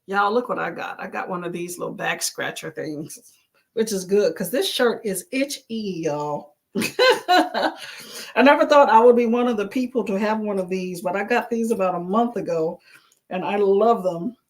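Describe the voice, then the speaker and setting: A woman's voice: medium pitch, animated, unhurried. A woman hosting a casual live chat, reading out viewers' comments and encouraging them. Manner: chatty, encouraging, exclaims often. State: clearing her throat. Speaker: livestream host.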